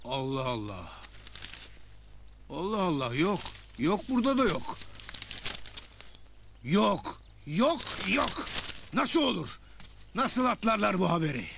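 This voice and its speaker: Excitable older boss, swooping high voice. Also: male voice, takes it slowly, vocal fry, long pauses, full character voice. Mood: baffled, indignant. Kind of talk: comedy film dialogue. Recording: faintly noisy old film soundtrack.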